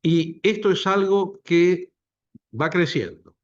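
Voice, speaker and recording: In a university lecture room also streamed to a video call, a man who directs a doctoral program gives an emphatic introductory speech at a book presentation, repeating key phrases for weight. His high-pitched voice moves slowly with fairly even intonation, and the recording is muffled.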